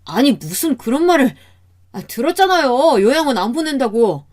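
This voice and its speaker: A woman's voice: fairly high pitch, lively intonation, brisk, a little mellow, pitched above the performer's own voice. Brief: woman reading a frustrated son-in-law in a radio story, strained and raised, sighing "ah". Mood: defensive. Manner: complaining, keeps sighing "ah" before lines. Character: exasperated middle-aged son-in-law, pleading and frustrated.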